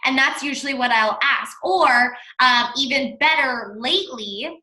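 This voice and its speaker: A woman with a bright, slightly high voice gives a casual coaching talk, blunt and emphatic, repeating words to drive a point home. She sounds like a fitness coach training her sales team. The room around her rings with echo. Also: unhurried. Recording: echoey room.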